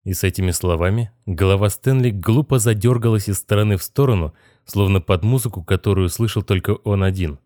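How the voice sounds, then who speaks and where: In this scripted audiobook narration, a man reads in a steady, measured tone with a voice that sits fairly low. The sound is close and dry, free of echo or room ambience.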